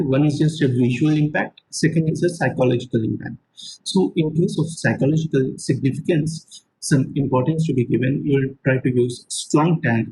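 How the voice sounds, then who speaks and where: A man's voice: mid-range voice, darkish tone, slight background noise, low-quality recording. Man lecturing with frequent fillers. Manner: explains step by step, repeats points, many fillers. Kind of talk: online class lecture.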